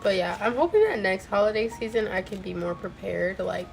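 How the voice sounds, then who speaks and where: The audio is poor as a young woman crochets on stream at home, chatting and rambling with lots of "like" over faint music. Her medium-pitched, creaky voice moves quickly with lively intonation, and it's slightly off from a recent cold.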